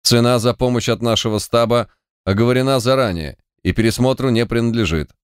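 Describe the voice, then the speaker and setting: A man voicing a coldly indifferent male deal guarantor in a suit, speaking in a flat, formal, businesslike way. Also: mid-range voice, moderate pace, no echo, studio quality, voice pushed up, lightly acted.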